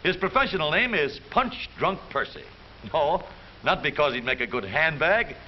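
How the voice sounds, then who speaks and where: A scripted 1930s newsreel is narrated by an American man in a jaunty, theatrical, wisecracking manner. He speaks at a moderate pace in an animated, slightly high voice. The soundtrack is muffled and hissy, typical of the era.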